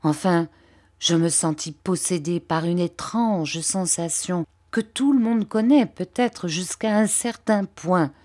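A woman narrating a classic novel in a measured, expressive storytelling manner. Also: lowish voice. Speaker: audiobook narrator. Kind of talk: scripted literary narration.

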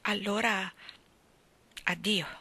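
A woman's voice: medium pitch, fairly even intonation, extremely slow, sharp tone, slightly rough, no echo, full character voice. A woman reading the part of a rejected young man, speaking in a bitter, subdued way.

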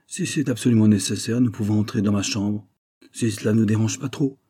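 A man's voice: fairly low pitch, steady tone, fairly quick, mellow, breathy edge. A man reading an audiobook, voicing an impatient older magistrate who speaks curtly. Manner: curt, impatient.

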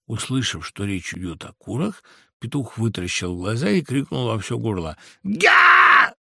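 A man narrating a fairy tale for an audiobook in an expressive storytelling manner. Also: fairly low pitch, moderate pace, creaky, slightly rough, no echo, studio quality.

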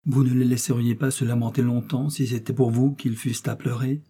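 A man reading the part of a gentle young noblewoman in an audiobook. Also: mid-range voice, level tone, a little fast, husky.

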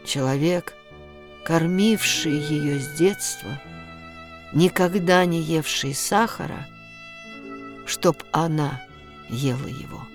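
A woman narrating a story in a measured, expressive reading. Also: sits low, faint music behind. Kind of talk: audiobook narration.

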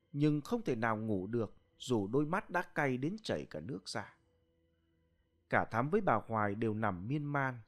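A man narrating a village ghost story in a slow, dramatic manner. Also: medium pitch.

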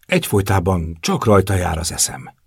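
A man's voice: sits low, big pitch swings, creaky, a little mellow, husky, no echo, clean studio sound, heavily acted. A man reading as a brooding, lovesick young man. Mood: irritable.

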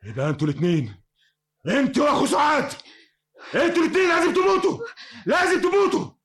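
An actor with an Egyptian accent playing an unhinged young man raving about a killing, stammering and swinging between murmurs and shouts in vintage radio drama style. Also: a little high, big pitch swings, fast talker, husky. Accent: Egyptian Arabic.

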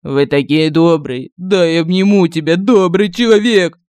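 A woman puts on a crafty male royal advisor who moans and pleads, overly gushing and theatrical. He sounds clear and smooth, a little low and mellow, and the recording is close and dry. It suits a comic fantasy audiobook. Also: measured pace, no room sound, natural voice. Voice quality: whiny, theatrical groaning. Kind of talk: audiobook character voicing.

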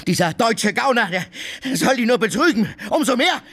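An actor playing a blustering, scheming swindler in a radio drama, insulting, shouting and laughing mockingly. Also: male voice, mid-range voice, sing-song, moderate pace. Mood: ranting. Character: blustering scheming male swindler Tarantyev, loud and coarse.

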